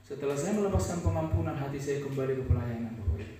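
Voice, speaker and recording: Impassioned preacher in an echoey hall. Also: male voice, medium pitch, quick pace. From North Sumatra. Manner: emotional, swings from loud to hushed. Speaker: guest preacher. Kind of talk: sermon with personal testimony. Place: large church hall. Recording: echoey church hall, mic far off.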